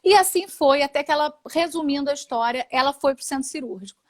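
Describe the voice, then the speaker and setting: High-voiced Brazilian woman telling her testimony. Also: quick pace. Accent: Brazilian Portuguese. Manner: animated storyteller who acts out the people she quotes. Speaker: guest sharing a testimony. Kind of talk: emotional personal testimony.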